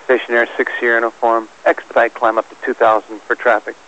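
A man's voice: medium pitch, flat delivery, quick pace, sharp tone. A man working as an airport tower air traffic controller, giving clipped instructions over air band radio. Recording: muffled radio with faint static.

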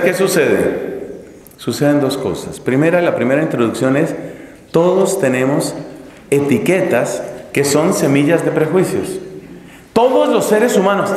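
Lively middle-aged friar preaching in a hall. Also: male voice, fairly high pitch. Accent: Colombian Spanish. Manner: lively, humorous, acts out people's voices. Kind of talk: sermon to religious sisters. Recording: echoey hall, long reverb.

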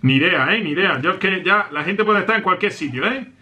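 Young man, excitable game commentary, bright lively voice, high pitch that leaps when shouting. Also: brisk. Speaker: gaming youtuber. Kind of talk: live gameplay commentary.

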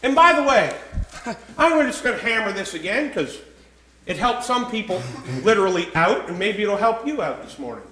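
High-voiced fiery preacher man. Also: big pitch swings, a little hiss or hum. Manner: fiery preaching, rising to shouts, drawn-out emphasis. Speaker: pastor. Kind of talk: sermon. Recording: echoey church room.

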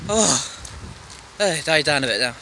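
A young man chatting casually in a halting, exclaiming way for a vlog, walking outdoors with wind buffeting his handheld microphone. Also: a little high, expressive, creaky. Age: young adult. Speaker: vlogger. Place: outdoors on a windy snowy roadside. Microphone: handheld camera at arm's length. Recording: loud wind buffeting the mic.

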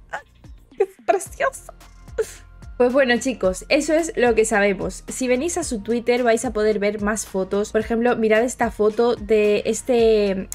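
A young woman with a Spain Spanish accent, hosting a game preview at home late at night, gushing with excitement while keeping her voice down so she won't shout. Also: on the high side. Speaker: gaming video host.

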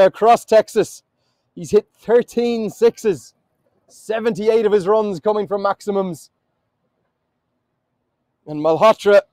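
A man calling a cricket match live from the commentary box, building to excited shouts at the big moments. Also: sits high, no room sound, rough recording.

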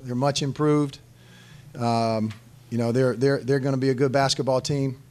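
A man's voice: mid-range voice, level tone, normal speed, a little mellow. A middle-aged man, a head basketball coach, answering press conference questions emphatically, often restarting and repeating his phrases into a desk microphone. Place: press conference room, seated at table. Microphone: desk microphone on stand.

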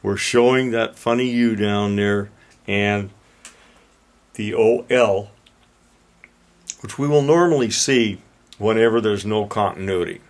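An older man with a lowish voice walks through a bench demonstration as a repair instructor. He talks slowly and plainly, in a folksy, easygoing way, picked up by a camera mic in a workshop. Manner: plain-spoken, unhurried, folksy.

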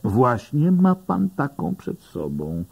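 A man's voice: mid-range voice, huge pitch swings, creaky, husky, muffled recording, pitched above the performer's own voice, exaggerated voice. A man reading an audiobook, voicing a cocky blind male army veteran who argues indignantly. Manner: indignant, fast-talking arguments.

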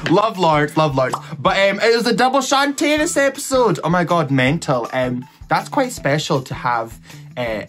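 A man's voice: high voice, animated, moderate pace. A young man with a camp, gossipy, slangy manner, chatting through a makeup tutorial as a drag queen. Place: small indoor setup before a cloth backdrop. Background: background music.

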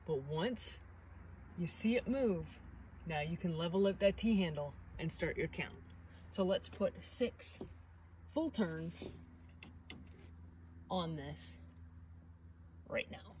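Her voice is on the low side and darkish, with lively intonation, a slow pace and long pauses. Outdoors by her sawmill, the middle-aged owner demonstrates maintenance practically and encouragingly for a hands-on video, captured on a camera mic with slight background noise.

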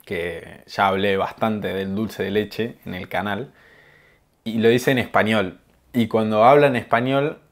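A man, calmly explaining usage over video clips. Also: on the low side. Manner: calm, explanatory, amused. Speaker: Spanish teacher.

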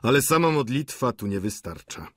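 A husky-voiced man playing a sly, mocking middle-aged lodger in an audiobook, telling gossip with swagger. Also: medium pitch, big pitch swings, moderate pace, dry recording, clean studio sound, pitched above the performer's own voice.

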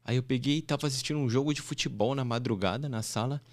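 On a podcast, a male guest with a mid-range voice speaks fast as he tells a heartfelt story. He's casual, animated and emotional, repeating "meu" and "pô" as he goes.

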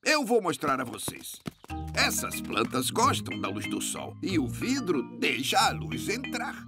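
Elderly cartoon pig grandpa, high-pitched, hugely varied intonation, boastful, music behind. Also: male voice, wildly swooping pitch, a little slow, full character voice. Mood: proud, explaining. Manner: blustering, boastful, explanatory. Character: proud, excitable old grandfather pig who gardens. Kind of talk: cartoon dub.

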